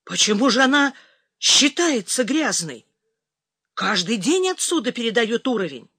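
A woman narrator voicing a tough, commanding male agent who speaks slowly through clenched teeth. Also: fairly high pitch, big pitch swings, sharp tone, slightly rough, no room sound, clean studio sound, exaggerated voice. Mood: grim.

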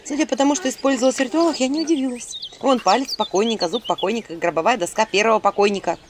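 A woman narrating a fantasy story in the first person, in a lively, wry manner. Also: fairly high pitch, fast talker, background noise.

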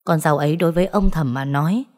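A woman narrating a ghost story in a steady storytelling manner. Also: low-pitched, fast. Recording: faint background music.

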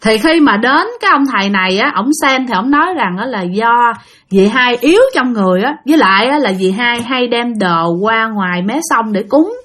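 High-voiced woman telling ghost stories. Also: lively intonation, moderate pace, fairly bright tone. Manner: chatty, addresses listeners directly, repeats words for effect. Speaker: storyteller. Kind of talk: spoken ghost-story narration.

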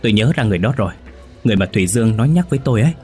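A man reading the lines of a decisive young office woman on the phone, firm and brisk. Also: on the low side, animated, dark tone, faint music behind, natural voice.

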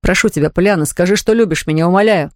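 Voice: mid-range voice, fast talker, dry recording, clean studio sound, close to an everyday voice. A reader voicing an ardent young man who earnestly begs his sweetheart. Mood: imploring. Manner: earnest, imploring.

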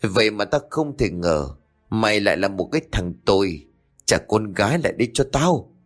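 A man voicing an older uncle, a bereaved father who curses his daughter's abuser and then urges calm, in a told ghost story. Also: lowish voice, moderate pace, faint music behind, natural voice. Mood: furious. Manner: hissing in anger, cursing.

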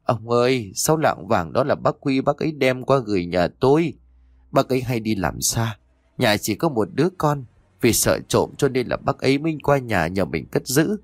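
A man's voice: medium pitch, sing-song, normal speed, dry recording, studio quality. A man voicing a frightened young wife who pleads tearfully with her husband. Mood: pleading.

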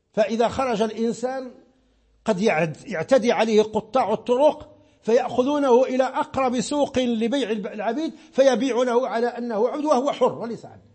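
A man's voice: high-pitched, a little mellow, breathy edge. A Moroccan man giving a religious lesson on Islamic law, explaining patiently and repeating words as he searches for them. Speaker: sheikh teaching Islamic law.

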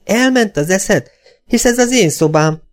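A man voicing a frail but domineering old mother in an audiobook, indignant and shrill. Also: expressive. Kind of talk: audiobook character voice.

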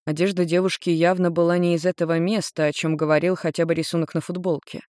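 A man narrating an audiobook in an even, measured storytelling voice. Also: on the high side, dry recording, clean studio sound.

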